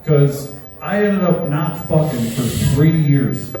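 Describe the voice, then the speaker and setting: A man's voice: on the high side, lively intonation, slow pace, crowd noise. A man doing a crude, self-mocking stand-up set, telling stories and laughing along. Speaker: stand-up comedian. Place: large hall with live audience. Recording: echoey hall, from far off.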